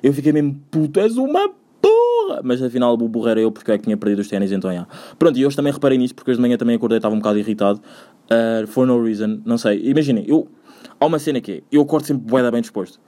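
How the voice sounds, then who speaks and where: A young man with a European Portuguese accent rambles through a casual solo podcast at a rapid clip. His voice is mellow and relaxed. He is slangy, swears often and circles back on his own words. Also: medium pitch. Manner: rambling, slangy, swears a lot, repeats himself. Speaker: podcast host.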